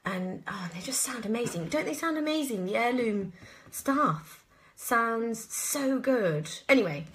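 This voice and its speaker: An English-accented actress casually fields audience questions in a live chat, thinking aloud, hesitating often and clearing her throat frequently. Her voice sits a little high, with lively intonation, a fairly bright tone and a slightly slow pace.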